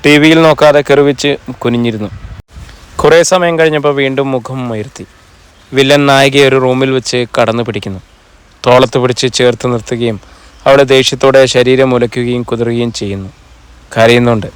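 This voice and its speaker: A man narrating a novel as an audiobook, in a steady, even storytelling delivery. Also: medium pitch, brisk, smooth.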